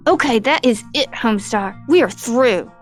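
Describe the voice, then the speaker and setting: A woman's voice: on the high side, expressive, normal speed, soft background music, close to an everyday voice. A woman voicing a stern, fed-up hippie girlfriend in a cartoon, scolding and reproachful. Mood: disapproving. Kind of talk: cartoon game acting.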